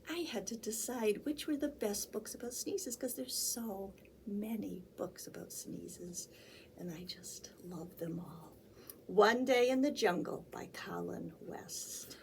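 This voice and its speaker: A little high and creaky, a woman's voice reads a children's picture book aloud at storytime, with a slight hiss or hum in the recording. The librarian gives it theatrical, sing-song emphasis and acts out animal sounds and sneezes.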